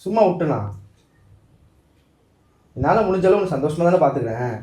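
A man's voice: a little high, lively intonation, normal speed, dark tone. Man, couple skit, pleading, emotional, echoey room. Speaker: vlogger acting out a couple skit.

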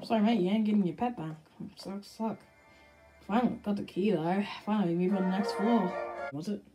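A woman giving casual let's-play commentary, excitable, swearing and shouting at the game, cooing baby talk to an in-game pet. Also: mid-range voice, a little fast, over music, low-quality recording. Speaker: gameplay streamer.

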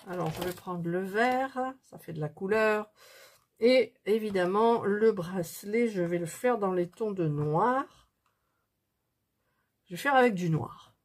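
A woman's voice: medium pitch, noisy background. A woman chatting casually through a craft tutorial, thinking aloud as she works. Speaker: craft vlogger.

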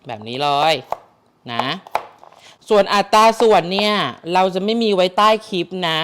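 A woman's voice: mid-range voice, animated, measured pace, fairly bright tone, slight background noise. A woman from Thailand hosting a casual cooking vlog in her kitchen, chatty and teasing with sassy asides to viewers. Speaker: cooking show host. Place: home kitchen abroad.

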